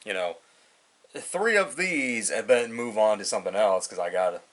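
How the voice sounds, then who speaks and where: A man's voice: on the low side, expressive, normal speed, a bit bright. A man hosting a reaction video, rambling loosely and thinking aloud. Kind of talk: casual reaction commentary.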